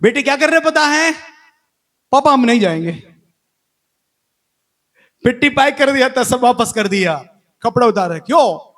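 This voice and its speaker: A preaching pastor with a high voice delivers a sermon at a live Sunday church service. He keeps asking the congregation questions and calls out hallelujah again and again. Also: moderate pace, a bit bright. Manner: exclaims hallelujah.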